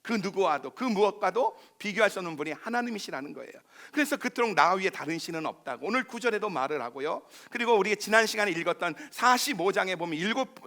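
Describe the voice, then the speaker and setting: Bright-voiced preaching pastor, man. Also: animated, fast talker, few pauses. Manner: swings between loud, high exhortation and soft, hushed storytelling. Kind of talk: sermon. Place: church sanctuary.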